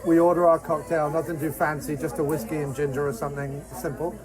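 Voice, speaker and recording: A man's voice: a little high, little pitch movement, fast, poor audio. A man in casual, chatty conversation at a diner, agreeable and given to telling anecdotes. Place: inside a busy diner. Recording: busy diner chatter behind the voice. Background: crowd chatter.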